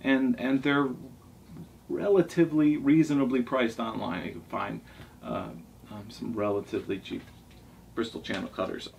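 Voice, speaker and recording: This vlog host, a man in his forties, has a mid-range, creaky, slightly mellow voice with fairly even intonation and a moderate pace, and the highs are cut off. He rambles casually and enthusiastically about his favourite books at a table in a small furnished room at home, with a distant mic catching noisy room ambience.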